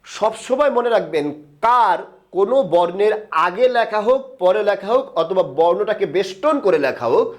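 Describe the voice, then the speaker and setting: A man teaching a grammar lesson on video, asking questions and then answering them himself, and drawing sounds out slowly for the viewer to repeat. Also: high voice, animated. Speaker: Bengali grammar instructor.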